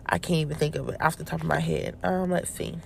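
A woman's voice: low voice, fast talker, creaky, slight background noise. Young woman host, casual faith talk, emphatic with slight stumbles. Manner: stumbles over words, animated and emphatic. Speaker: prayer video host.

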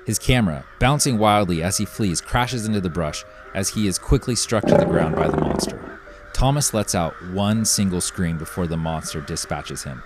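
A man reading a scripted mystery story in a measured, grave manner. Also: low-pitched, very noisy. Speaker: narrator.

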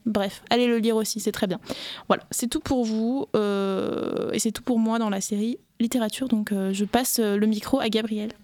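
A woman's voice: on the high side, fairly even intonation, moderate pace, a little mellow, dry recording. A woman co-hosting a pop culture podcast, recommending a book in casual chat, enthusiastic and playful. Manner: enthusiastic, playful, laughs often. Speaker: podcast co-host, literature segment.

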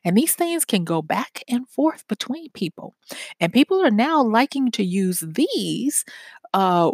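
A woman's voice: medium pitch, dry recording. Woman, talk host, chatty, laughs a lot, fillers and restarts, dry recording. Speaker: podcast host. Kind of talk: casual commentary to an audience.

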